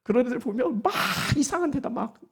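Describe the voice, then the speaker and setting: A woman pastor giving a Sunday sermon, animated and firing rhetorical questions at the congregation. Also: on the high side, fast, husky.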